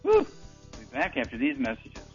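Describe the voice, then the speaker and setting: A man's voice: mid-range voice, brisk, a bit bright, lo-fi sound, faint music behind. A man hosting a call-in radio advice show, blunt and dismissive, often interrupting callers. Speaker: radio talk show host.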